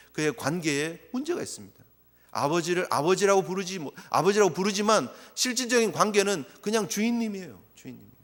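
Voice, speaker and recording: A man's voice: sits high, a bit bright. A man pastor preaching an emphatic, earnest sermon in a church sanctuary. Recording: long church hall reverb.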